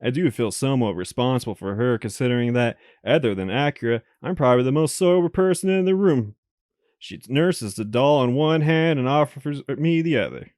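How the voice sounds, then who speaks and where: Smooth-voiced man reading game narration. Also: mid-range voice, moderate pace, darkish tone, no room sound, studio quality. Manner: reads the narration smoothly, with amused laughs between passages. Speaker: let's play host reading the game text. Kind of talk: reading visual novel narration aloud.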